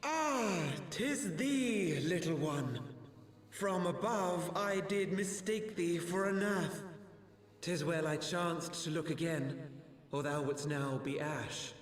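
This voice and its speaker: A man's voice: on the high side, recorded from a distance. An actor playing a proud, solemn dragon in an archaic, stately manner, his dragon voice treated with reverb and echo. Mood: stern recognition. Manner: stately, archaic, measured delivery with little inflection. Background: game music.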